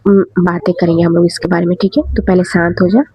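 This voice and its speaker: A woman's voice: fairly low pitch, level tone, fast, breathy edge, no room sound. A woman voicing a caring teenage schoolgirl friend who coaxes and reassures. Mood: soothing. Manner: coaxing, reassuring. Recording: dull, slightly muffled recording.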